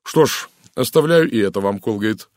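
Man voicing authoritative chief constable, audiobook; dry close read, methodical and measured. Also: on the low side, expressive, a little mellow, dry recording, natural voice. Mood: reasoning. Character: methodical middle-aged male chief constable. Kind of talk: audiobook character reading.

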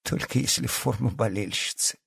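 A man reading an audiobook and voicing a blunt, tough-minded teenage girl who speaks gruffly and curtly. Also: lowish voice, normal speed, fairly bright tone, dry recording, clean studio sound, heavily acted. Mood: curt angry. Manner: gruff and curt.

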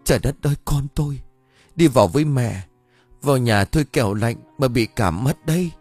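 A man voicing a frantic, grieving older mother who cries out in shrill panic, with gentle music behind. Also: animated, normal speed, lightly acted. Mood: frantic wailing.

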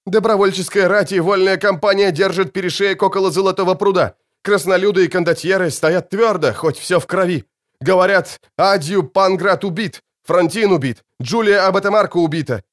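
A man voicing a breathless young male messenger, reporting in an urgent, hurried way. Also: high voice, voice pushed up, lightly acted.

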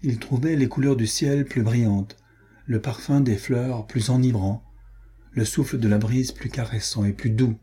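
A man narrating a historical novel as an audiobook, measured and steady. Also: medium pitch, slightly rough. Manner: measured, storytelling. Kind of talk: scripted narration.

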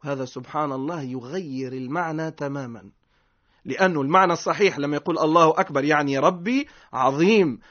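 Earnest Tunisian man, higher voice, lo-fi. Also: fairly bright tone. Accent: Tunisian Arabic. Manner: emphatic, earnest, slow and deliberate at prayers. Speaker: religious teacher on a radio program. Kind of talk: religious radio lesson. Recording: dull lo-fi recording.

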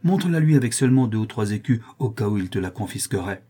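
A man's voice: on the low side, animated, fast, dark tone, husky. A man voicing a cunning schemer who gives firm, persuasive orders in an audiobook. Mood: commanding. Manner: commanding, persuasive.

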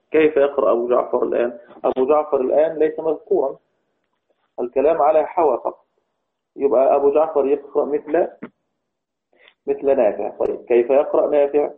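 A man teaching Quranic readings in a lecture, asking his students questions and answering them himself, slowing down to recite verse lines. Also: mid-range voice. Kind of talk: classroom lecture. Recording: tinny phone-like recording.

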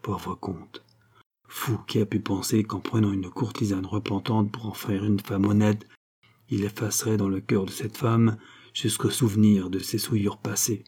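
A man's voice: fairly low pitch, little pitch movement, moderate pace, dark tone, slightly rough. A man voicing a disillusioned young nobleman who mutters bitterly under his breath, in an audiobook.

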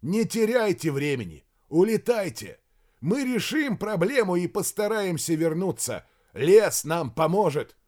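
A man doing a shouting army major. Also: high voice, very animated, unhurried, pitched above the performer's own voice. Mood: urgent shouting. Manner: shouting, urgent and clipped. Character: commanding male army major shouting orders.

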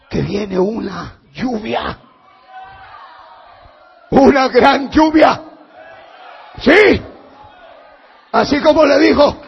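A man preaching a fiery sermon as pastor, shouting his points with emphatic force. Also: very high-pitched, gravelly, breathy edge, dull audio.

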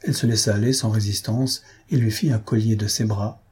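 Dark, husky male audiobook reader. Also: fairly low pitch, steady tone, brisk. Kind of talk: literary audiobook narration.

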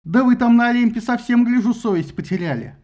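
A scornful young prince in a read-aloud myth, shouting and mocking, voiced by a man. His voice jumps high with contempt. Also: brisk.

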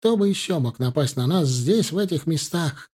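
A man's voice: a little high, animated, moderate pace, a little mellow, breathy edge, voice pushed up. A man voicing a proud, defiant young male leader who rouses his men. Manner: proud, rousing.

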